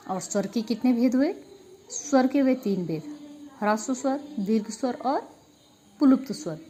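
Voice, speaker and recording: A woman's voice: mid-range voice, warm tone, a little hiss or hum. A woman teacher going over a grammar revision lesson with a class, asking questions and answering them herself. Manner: patient, asks and answers her own questions; repeats filler "ठीक है" often. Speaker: school Hindi teacher.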